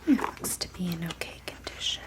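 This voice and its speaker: A woman in a whispered role-play as a gentle, sleepy librarian, speaking softly and unhurriedly as she works at her desk. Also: brisk. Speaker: ASMR performer playing a librarian. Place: small indoor room at a desk.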